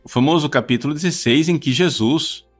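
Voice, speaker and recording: A man, a priest, giving a daily homily in an earnest teaching tone with frequent filler pauses. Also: on the high side, faint music behind.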